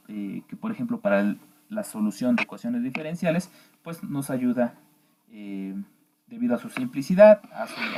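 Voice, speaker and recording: A middle-aged man recording a course lecture as an engineering instructor, explaining at an unhurried pace with many filler pauses and restarts. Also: medium pitch, darkish tone.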